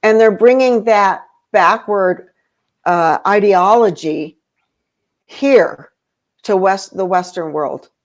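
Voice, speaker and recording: A woman who grew up in Europe talks slowly in a mid-range voice. She's a podcast guest in casual conversation, wandering off on tangents and leaning heavily on fillers and restarts.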